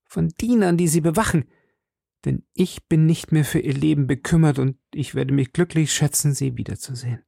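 A man's voice: fairly high pitch, moderate pace, creaky, warm tone, no room sound, studio quality, voice pushed up. A man reading an audiobook, voicing an anxious, imploring queen in raised exclamations. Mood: pleading. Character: anxious pleading woman, a queen.

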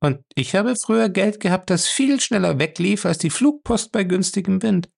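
A man's voice: high-pitched, expressive, moderate pace, gravelly, darkish tone, pitched above the performer's own voice, heavily acted. A man voicing a cool ironic young woman. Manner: cool, sarcastic.

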